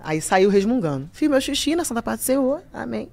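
A woman's voice: a little high, a little fast, gravelly. A woman, a podcast guest, telling stories in casual chat and acting out the other people in them. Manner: animated, acts out other people's voices while telling stories.

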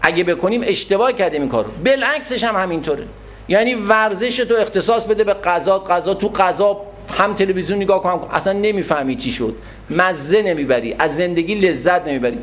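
A man giving a religious lecture on prayer, animated, acting out people in little scenes. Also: sits high. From Iran. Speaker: Quran scholar and lecturer.

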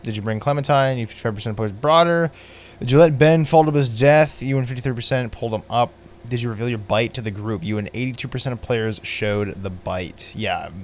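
Young dude doing let's play commentary, swears a lot, middle-pitch voice, faint hum behind. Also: male voice. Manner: casual, swearing, emotional reactions. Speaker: gaming video creator.

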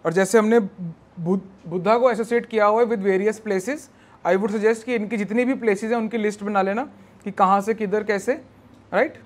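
A high-pitched male teacher lectures in a mix of Hindi and English, switching between the two. He slows down to spell out terms and keeps checking in with his students. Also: fairly even intonation. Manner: mixes Hindi and English, spells words out slowly, checks with "right?". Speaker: exam prep teacher. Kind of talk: recorded classroom lecture.

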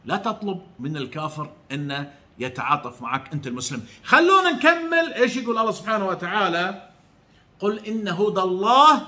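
A man's voice: sits high, sharp tone. A man lecturing viewers in a preachy, direct way, firing rhetorical questions and repeating his points. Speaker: online religious commentator. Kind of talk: preachy direct-to-camera talk.

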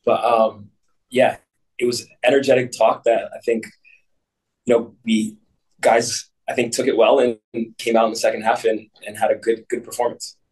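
A soccer coach giving measured, brief post-match answers over a video call. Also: male voice, medium pitch, level tone, darkish tone, far from the mic, low-quality recording.

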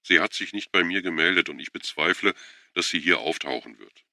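A man's voice: low voice, brisk, gravelly, sharp tone, no echo, studio quality, voice pushed up, heavily acted. A man reading an audiobook voices a tired, irritated woman who is a nurse, curt and weary, pleading when pressed.

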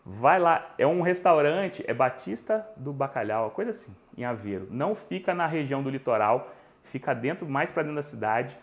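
This cooking show host, a man in his forties with a Brazilian Portuguese accent, speaks in a mid-range voice at a moderate pace. Streaming live from his home kitchen on a lapel mic, he chats with viewers, joking and telling lively stories.

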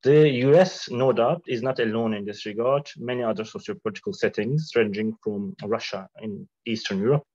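A man who is unwell, giving an academic presentation over a video call in a careful, measured way with some fillers. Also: lowish voice, darkish tone. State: sick. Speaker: guest lecturer. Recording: dull lo-fi call audio.

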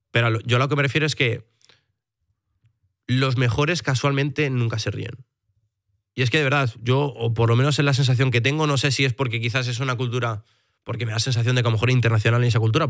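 A man's voice: mid-range voice, no echo, studio quality. A man from in a casual esports podcast, earnestly explaining himself with lots of hedges and tag questions. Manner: earnest, explains with many hedging tags. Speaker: podcast guest defending his own comments.

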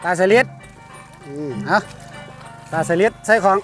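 A man's voice: slow pace, fairly bright tone, soft background music. Exclamatory Isan man narrating a fishing outing. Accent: Northeastern Thai (Isan). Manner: exclamatory, repeats words. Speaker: fishing vlog host. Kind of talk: casual running commentary to viewers. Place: outdoors at a rural pond.

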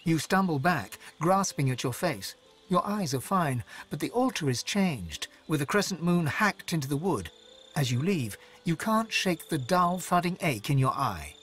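A man narrating a game story in an expressive, dramatic scripted style. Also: a little high, unhurried, slight background noise. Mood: calm. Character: male storybook narrator, vivid.

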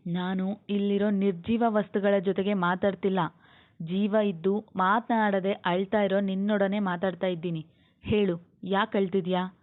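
A woman's voice: mid-range voice, little pitch movement, moderate pace, lightly acted. A woman voicing a young male doctor, usually cheerful but now stern, who scolds with pressing questions. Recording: tinny phone-like sound.

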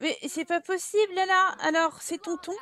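A woman's voice: very high voice, steady tone, normal speed, fairly bright tone. A woman commenting casually on a life-simulation game, chatty and teasing as she scolds the game characters. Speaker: gaming YouTuber. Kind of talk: casual let's-play commentary.

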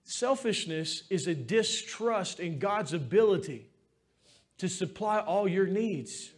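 A man's voice: sits high, animated, slow pace. A man preaching a sermon as pastor in a church, talking in an earnest, heartfelt, conversational way.

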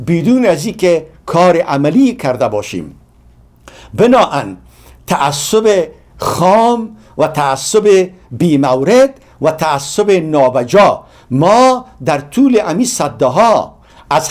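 A middle-aged man from Afghanistan with an Afghan Dari accent, giving an impassioned speech and building his points through long lists of repeated phrases. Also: on the high side. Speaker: guest speaker on a community TV program.

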